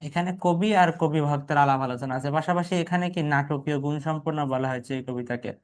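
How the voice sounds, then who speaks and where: A young man with a Bangladeshi Bengali accent teaches an exam revision class. His voice sits a little high for a man. He keeps asking questions, answers them himself, and calls out students by name. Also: fast talker. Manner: quizzing and answering his own questions, calling out students' names. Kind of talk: live online exam-review class.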